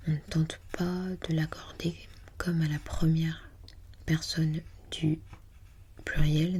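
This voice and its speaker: A woman whispering breathily as in a library, reading aloud for ASMR in a hushed, unhurried, musing way. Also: low voice, breathy edge. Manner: hushed, unhurried, murmuring to self while reading. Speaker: ASMR host.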